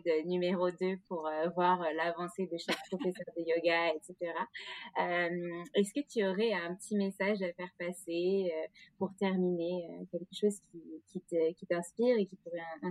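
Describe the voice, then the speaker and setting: A woman's voice: on the low side, darkish tone, dry recording. A woman hosting a podcast interview, talking hesitantly with many fillers and restarts. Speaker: podcast host. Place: remote call.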